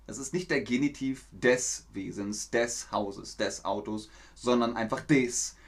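A man's voice: mid-range voice, measured pace. A man teaching German on a livestream, explaining pronunciation and answering viewers' chat questions in a chatty, explanatory way. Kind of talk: livestream language lesson reading chat.

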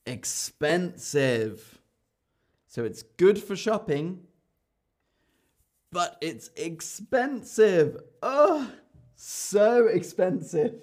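A man from England, teaching to learners, repeating each sentence slowly and clearly and praising often. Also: fairly high pitch. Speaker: English teacher. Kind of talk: slow, repetitive English lesson for learners.

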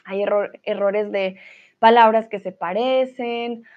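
A woman's voice: medium pitch, fairly even intonation, slow pace. Encouraging woman teacher, dull lo-fi sound. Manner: encouraging, laughs often, says "¿vale?". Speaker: language teacher. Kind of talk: live online class, answering viewers' comments.

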